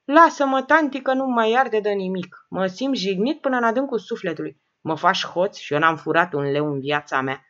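A woman's voice: medium pitch, lively intonation, hardly any pauses, a bit bright, dull audio, lightly acted. A woman voicing a nervous adult man, a whiny nephew who pleads and protests. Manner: whining, pleading.

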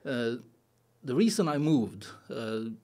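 A middle-aged man from Norway, a podcast guest speaking casually with dry humor and frequent hesitations, recorded on a desk boom mic in a studio. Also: expressive, slow pace, mellow. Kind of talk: casual interview chat. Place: studio set with blue walls and a wooden table. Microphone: desk podcast mic on boom arm.

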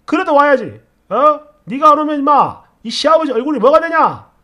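A man acts out a furious older father-in-law in a storybook reading, barking demands in a raised, high, loud voice. He scolds without letting up, pitch swinging wildly. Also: big pitch swings, a little fast, full character voice. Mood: nagging.

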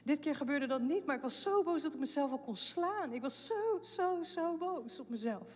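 High-voiced woman testifying in an echoing hall. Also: expressive, normal speed, darkish tone. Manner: impassioned, rising to fervent proclamations; laughs and breaks off mid-phrase while telling her story. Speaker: speaker giving a testimony at a faith event. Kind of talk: emotional stage testimony with preaching. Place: event hall with long reverb. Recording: long echo of a large hall.

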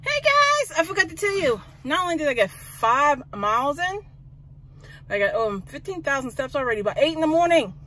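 A woman's voice: sits high, sing-song, moderate pace, bright, forceful tone. Breathless woman vlogging on a windy walk. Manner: upbeat, motivational, talks while walking. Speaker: fitness vlogger. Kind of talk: casual walking vlog. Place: outdoors on a cold windy street, later in a car. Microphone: phone at arm's length. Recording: noisy outdoor phone recording.

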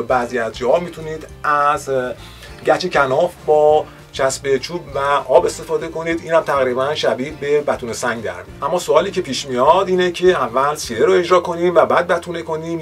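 A man hosts a woodworking tutorial, talking the viewer through each finishing step in a patient, courteous way. His voice sits at an ordinary middle pitch. Soft music plays faintly under his voice-over. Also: breathy edge. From Iran. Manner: polite, patient explaining with formal courtesy phrases. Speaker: woodworking channel host. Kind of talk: instructional voice-over.

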